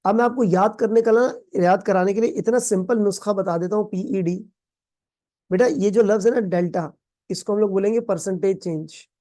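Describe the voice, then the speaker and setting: A Pakistani accounting tutor delivers a recorded exam-prep lecture in a warm, mellow, high-pitched voice at normal speed. He drops English terms into playful everyday examples and calls his students "beta". He quizzes them with call-and-response questions, repeating their answers back.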